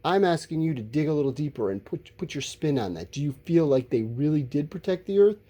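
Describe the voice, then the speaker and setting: A man teaching a school lesson talks informally, thinking aloud and drawing out his words as he writes out answers. His voice is on the high side, mellow and animated, at a fairly quick pace.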